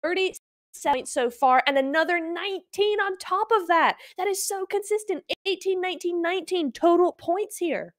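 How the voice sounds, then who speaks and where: A woman's voice: extremely high pitch, moderate pace. A woman casting a live esports match, chatty and exclaiming as she reads out stats with her co-caster.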